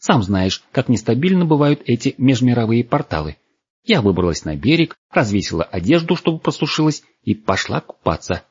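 A man's voice: medium pitch, sing-song, normal speed, slightly rough, no echo, voice pushed up. A man voicing a haughty, furious young woman who shrieks and talks indignantly, in a dull, dry recording.

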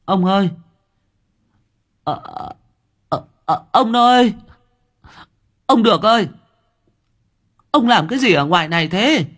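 A man putting on a shrill wailing old village woman. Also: lively intonation, slow pace, pauses often, fairly bright tone, exaggerated voice. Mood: frantic wailing. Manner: shrill desperate wailing cries. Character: panicked elderly village woman wailing for her husband.

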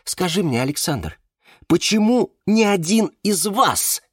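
A man reading a novel aloud, voicing a bitter, sharp-tongued young woman with a raised, biting voice. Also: mid-range voice, sing-song, moderate pace, no room sound, clean studio sound, voice pushed up. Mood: accusing. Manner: scornful, biting.

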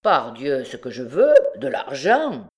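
A sly, menacing male convict, as a woman reader puts him on for a storybook reading. He threatens his victim with mocking, falsely courteous words and a low, steady voice. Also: unhurried.

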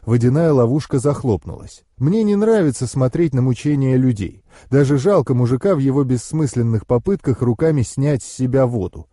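A man narrating a first-person audiobook in a smooth, ironic storytelling manner. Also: medium pitch, animated, brisk, few pauses, dark tone, no room sound, clean studio sound.

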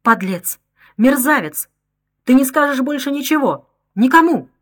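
A woman's voice: a little high, lively intonation, unhurried, pitched above the performer's own voice. Woman reading as a frantic anguished mother. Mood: furious. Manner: anguished, crying out. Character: desperate middle-aged mother, frantic and pleading.

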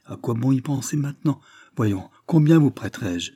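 A man voicing a generous wealthy gentleman who kindly insists on helping a friend in an audiobook. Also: mid-range voice, animated, moderate pace, husky, no room sound, pitched above the performer's own voice. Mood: coaxing.

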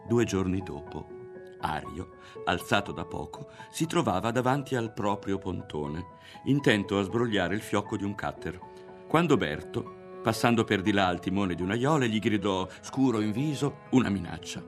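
A man reading a novel aloud as an audiobook, in a measured, dramatic way. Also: fairly low pitch, animated, faint music behind. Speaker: audiobook reader. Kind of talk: scripted narration of a novel.

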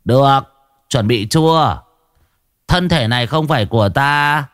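A man's voice: mid-range voice, big pitch swings, moderate pace, dry recording, studio quality, lightly acted. A man voicing a cunning, sweet-talking young trickster. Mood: coaxing. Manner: coaxing, smooth-talking.

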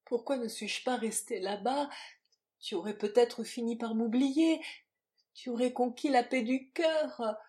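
A woman's voice: fairly high pitch, unhurried, darkish tone, pitched above the performer's own voice, natural voice. A woman reading the part of an anguished young man, a grave, despairing lover who speaks solemnly and then rises into impassioned outbursts.

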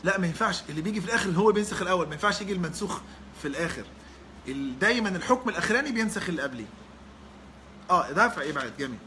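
A man with an Egyptian Arabic accent gives an online religious lesson. His voice is high and bright, and he talks fast. He repeats the key points, and a faint hiss sits behind him. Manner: explains with everyday examples, repeats key points. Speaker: teacher of Quran interpretation.

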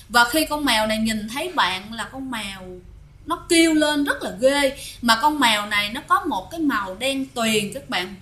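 A woman's voice: high-pitched, pushed and bright. A woman telling ghost stories in a chatty way, often speaking straight to her listeners. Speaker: ghost story narrator. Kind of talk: casual storytelling to listeners.

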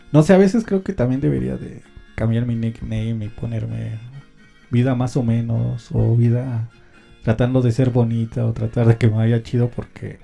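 Hosting his own homemade radio show, a Mexican man shares a personal story in a mid-range, gravelly, mellow voice. The casual monologue, in Mexican Spanish, is rambling and slangy, peppered with fillers and tag questions.

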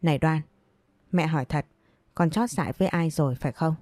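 A woman's voice: sits low, brisk, warm tone, dry recording, close to an everyday voice. A woman voicing a stern village mother who scolds her pregnant daughter sharply. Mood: scolding.

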